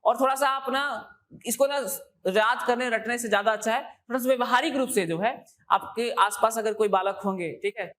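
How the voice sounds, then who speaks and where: A woman's voice: on the high side, normal speed, fairly bright tone. A woman teaching an exam coaching class in a classroom, repeating key terms and quizzing her students with questions.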